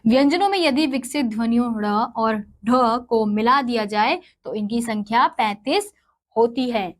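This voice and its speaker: Slow, patient woman teaching letters. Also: a little high, animated. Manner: patient, asks and answers her own questions; spells out letters slowly one by one. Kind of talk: explanatory grammar lesson.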